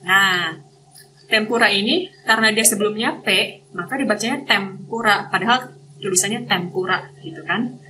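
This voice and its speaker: A woman's voice: medium pitch, moderate pace, noisy background. A woman from Indonesia, a guest speaker giving a casual online lesson over a video call, explaining step by step with many examples. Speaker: guest speaker teaching Japanese.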